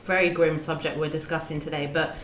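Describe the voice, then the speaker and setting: Low-voiced woman hosting a podcast. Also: little pitch movement, slight background noise. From London, England. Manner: measured and earnest, with small restarts. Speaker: podcast host. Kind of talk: podcast discussion, partly read from research notes. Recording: roomy echo.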